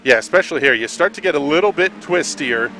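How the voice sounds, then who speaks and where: A man calling play-by-play for an online racing broadcast, brisk and steady, rising sharply when trouble hits the track. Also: fairly high pitch, slight background noise. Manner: brisk, builds to shouts at incidents. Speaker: play-by-play commentator. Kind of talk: sim racing play-by-play commentary.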